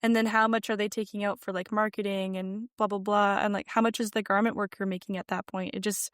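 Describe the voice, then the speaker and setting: A young woman guest on a podcast, chatting casually about her work from home, with lots of "like" fillers and lively emphasis. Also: medium pitch, quick pace, smooth, no room sound, studio quality. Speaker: podcast guest, sewing content creator. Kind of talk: casual interview chat. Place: home room with yarn shelves.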